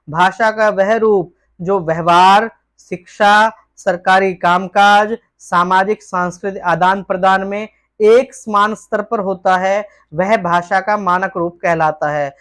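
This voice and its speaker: Woman tutor reading out exam answers. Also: mid-range voice. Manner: poses each question aloud, then reads out a formal, textbook-style answer. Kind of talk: exam-prep lesson.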